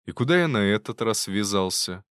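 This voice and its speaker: A man reads a first-person novel in a low voice whose pitch rises and falls with lively expression. The sound is dry and close, with a wry touch to the telling. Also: normal speed, clean tone, no room sound. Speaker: audiobook narrator.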